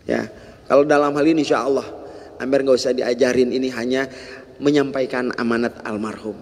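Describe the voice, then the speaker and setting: A male preacher, giving a lively storytelling sermon in casual slang. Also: medium pitch, brisk. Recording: echoey hall.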